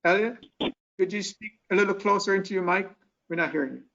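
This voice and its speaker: A high-pitched man leads a board meeting over a video call, stopping and restarting his sentences as he presses a point. His audio is somewhat muffled, like a typical call connection. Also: gravelly, pushed and bright. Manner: halting, restarts often. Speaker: meeting chair. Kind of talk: virtual board meeting discussion.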